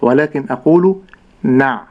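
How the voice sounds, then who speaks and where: A man teaching correct Quran recitation, slowly sounding out each syllable and contrasting right and wrong pronunciation. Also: medium pitch, highs cut off. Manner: slow, deliberate, models sounds syllable by syllable. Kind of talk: tajweed pronunciation lesson.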